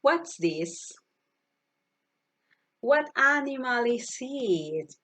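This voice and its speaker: A woman teaching English to primary school children, saying each animal word slowly and asking the kids to repeat it. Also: mid-range voice, fairly bright tone. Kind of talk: online class, slow vocabulary drill. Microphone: computer mic, virtual class.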